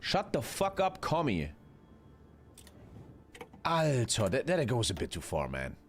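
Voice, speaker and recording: Swearing streamer with lively pitch. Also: male voice, slow pace, a little hiss or hum. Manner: swearing, chatty, reading chat aloud. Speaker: game streamer. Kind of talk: live strategy game commentary. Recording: faint music behind.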